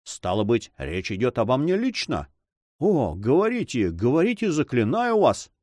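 A man's voice: medium pitch, very animated, normal speed, darkish tone, no room sound, natural voice. A man reading an audiobook, voicing a passionate young man who speaks fervently and pleadingly. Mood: ardent.

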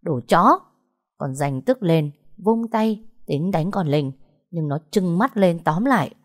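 A woman with a low voice narrates a dramatic story. She speaks conversationally and turns to her listeners directly now and then. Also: animated, a little slow, darkish tone.

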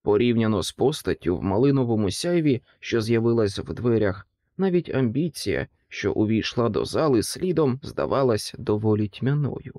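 A male narrator reading a children's novel aloud, with a lively, rising and falling pitch. The recording is dry and close to the mic. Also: normal speed, hardly any pauses, no echo. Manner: expressive storytelling. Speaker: audiobook narrator. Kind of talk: scripted audiobook narration.

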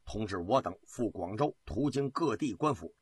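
A man's voice: lowish voice, lively intonation, normal speed, husky, dry recording, clean studio sound, voice pushed down. A man voicing a stern, upright Qing imperial commissioner in a traditional storytelling performance, speaking solemnly and resolutely. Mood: commanding. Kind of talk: traditional storyteller acting out a character.

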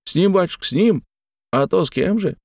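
A man's voice: high voice, lively intonation, brisk, darkish tone, no room sound, studio quality, pitched above the performer's own voice. A man reading in a raised voice as an eager, devoted old male servant who repeats his words fussily.

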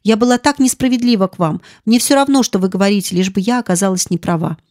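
A woman's voice: fast, a little mellow, no echo, clean studio sound, close to an everyday voice. A woman voicing a terrified young maid who pleads and sobs breathlessly in an audiobook. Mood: frantic pleading. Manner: sobbing, breathless, high-pitched cries. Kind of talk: audiobook dialogue.

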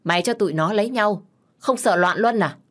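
A woman voicing a drunken, abusive middle-aged father who shouts and curses with contempt. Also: mid-range voice, fairly quick, voice pushed up, natural voice. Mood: furious contempt.

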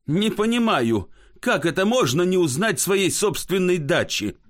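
A man's voice: high voice, very animated, unhurried, fairly bright tone, pitched above the performer's own voice, heavily acted. A man voicing a weary, thirsty companion who whines and complains indignantly. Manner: whining, complaining.

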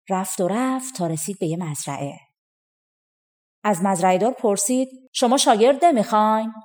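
A woman reading a folk tale audiobook aloud. She narrates gently and evenly, in an unhurried storytelling way, at an ordinary pitch for a woman. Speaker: audiobook reader.

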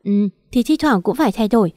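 A stern, self-satisfied middle-aged schoolteacher giving orders in a spoken story, voiced by a woman narrator. Mellow tone, dry close recording. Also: fairly high pitch, lively intonation, fast talker, no room sound, natural voice. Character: vain stern male teacher, middle-aged.

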